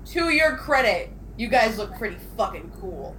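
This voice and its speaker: A woman's voice: on the high side, very animated, normal speed, a loud crowd, poor audio. A woman player in a casual tabletop role-play who talks bluntly and sarcastically and swears freely.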